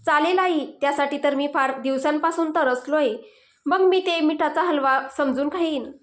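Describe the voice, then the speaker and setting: A playful young husband from a storybook, read out by a woman. He keeps up light, teasing banter in a high, clear voice. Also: normal speed, close to an everyday voice. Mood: tender.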